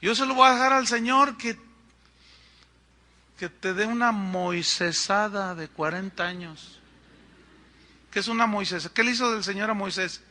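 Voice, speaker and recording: A middle-aged man with a Mexican accent preaching a sermon, telling stories in an animated way and acting out the people in them. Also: high voice, moderate pace, long pauses. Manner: animated storytelling with acted-out quotes. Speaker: pastor.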